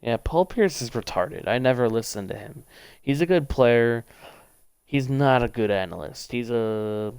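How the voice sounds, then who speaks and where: A young man livestreaming a football video game, thinking aloud in casual, rambling commentary that speeds up in quick bursts. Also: mid-range voice, darkish tone, clean tone, no room sound.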